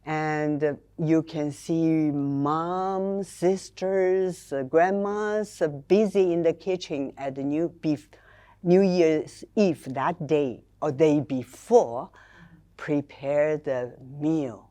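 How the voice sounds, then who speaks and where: Low-voiced older woman, slow and mellow. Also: steady tone. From China and Taiwan. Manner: careful, explanatory storytelling. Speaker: guest. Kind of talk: conversational interview.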